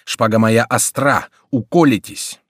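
A man's voice: medium pitch, unhurried, fairly bright tone, dry recording, studio quality. A male narrator voicing a brave young nobleman who speaks in bold, commanding declarations. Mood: defiant.

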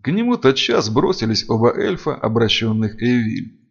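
A man narrating a fantasy audiobook in an expressive, dramatic way. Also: mid-range voice, normal speed, creaky, breathy edge. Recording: dull lo-fi audio.

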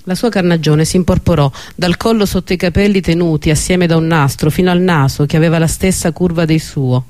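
A man narrating an audiobook with a steady, expressive delivery. His voice sits on the high side for a man. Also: fairly quick.

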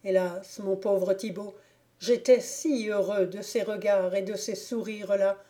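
A woman's voice: medium pitch, fairly even intonation, a little slow, mellow, natural voice. A woman voicing a young, lovesick miller's lad who pleads and despairs, in an audiobook reading. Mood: wistful. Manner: plaintive, impassioned pleading.

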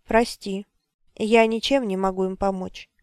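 A cold, unyielding male wizard lays down his refusals in firm, measured tones, as a woman reader puts him on. The voice stays smooth and clear. The sound is dry and close. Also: medium pitch, steady tone, darkish tone, no room sound, lightly acted.

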